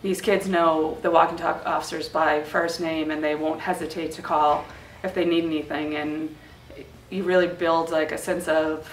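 A woman's voice: low voice, little pitch movement, moderate pace. A young woman, a police detective, speaking casually in an interview testimonial and sometimes searching for words. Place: studio with curtain backdrop. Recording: roomy studio, distant mic, soft music.

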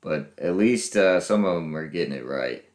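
A man hosting a reaction video, guessing aloud with lots of laughs and unsure pauses. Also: sits low, expressive, darkish tone, reverberant. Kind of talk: casual reaction commentary.

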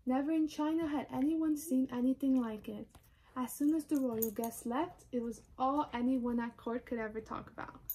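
A woman volunteer reading a children's story aloud in a gentle, expressive storytelling manner. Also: high-pitched, moderate pace, slightly rough.

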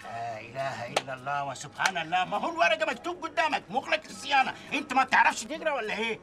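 A sarcastic neighborhood man in a TV comedy, high and very animated in tone, with clear music under the voice. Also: very fast, exaggerated voice. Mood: mocking. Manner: mocking, lively retorts.

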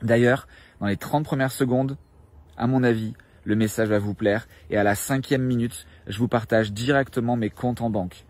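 A man in his thirties giving a salesy, filler-heavy pitch into a phone held at arm's length outdoors in a park. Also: steady tone, normal speed, a little mellow, no room sound. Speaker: online coach in an ad. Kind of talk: selling pitch to camera.

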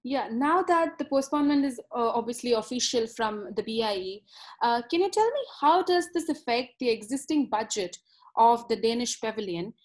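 Young woman interviewer on a video call; slightly high, polite, long questions. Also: expressive, moderate pace, poor audio.

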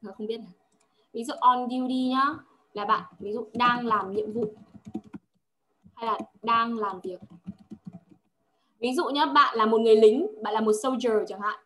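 A woman's voice: fairly high pitch, measured pace, long pauses, fairly bright tone. A woman tutoring one-on-one, patiently drilling words and checking understanding often. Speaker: English tutor. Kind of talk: one-on-one language lesson.

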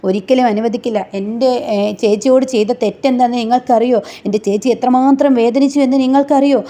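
A woman's voice: fairly high pitch, fairly even intonation, fast talker, warm tone, lightly acted. A woman voicing an indignant, pleading young woman, a protective younger sister.

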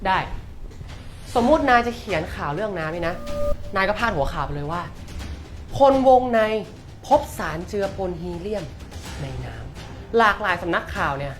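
A man's voice: high-pitched, animated, normal speed, pauses often, faint music behind. A performer playing a smug male reporter who lectures about how to twist a news story.

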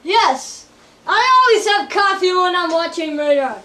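A young female performer as shrill, petulant villain commander. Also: animated, a little slow, sharp tone, exaggerated voice. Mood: exasperated. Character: petulant, bossy little villain commander in helmet. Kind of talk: amateur film parody acting. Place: small cluttered home office. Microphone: camcorder from a few feet away. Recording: roomy, distant camera mic, faint noise.

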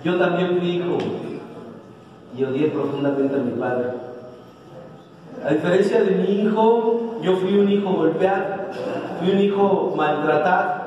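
A man's voice: high-pitched, measured pace, long pauses, darkish tone, highs cut off, a little hiss or hum. A middle-aged man with a Mexican accent giving a raw, profane, emotional personal testimony as a speaker at a recovery group meeting. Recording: echoey hall, speaker far from the mic.

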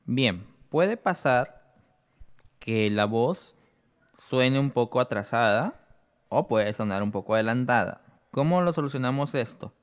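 A man presenting an app tutorial, explaining each step slowly and checking in with the listener. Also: medium pitch, lively intonation. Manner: explains slowly, often adds "¿no?".

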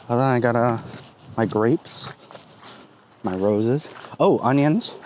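Slow, easygoing man filming outdoors. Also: mid-range voice. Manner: relaxed, easygoing, lots of ums and uhs. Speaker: gardening vlogger. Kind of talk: casual walking garden tour. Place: outdoors in a sunny community garden. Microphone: phone held at arm's length. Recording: outdoor phone recording with traffic noise. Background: passing traffic and outdoor ambience.

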